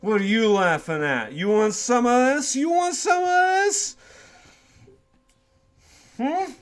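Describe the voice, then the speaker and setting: A man's voice: extremely high pitch, animated, slow pace, pitched above the performer's own voice, heavily acted. A man voicing a crude, belligerent drunk male guard who jeers and swears constantly. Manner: slurring, jeering, swearing constantly.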